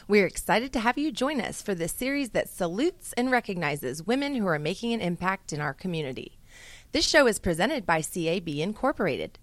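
A woman's voice: mid-range voice, sing-song, a little fast, no room sound. A woman hosting a business radio interview show, reading sponsor copy and introducing guests in a polished manner.

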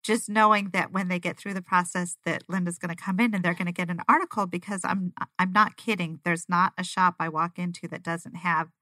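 Woman, lowish voice, close dry recording, emphatic, conversational. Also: steady tone, fairly quick, few pauses, pushed and bright, dry recording. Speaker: auditor, interview guest. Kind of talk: casual conversation.

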